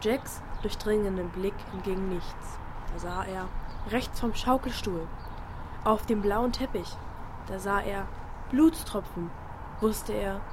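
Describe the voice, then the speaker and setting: A woman's voice: mid-range voice, slow, background noise, natural voice. A woman playing a young girl in a radio play who reads a detective comic aloud dramatically and snaps at interruptions. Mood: reading. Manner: dramatic read-aloud, snappish asides.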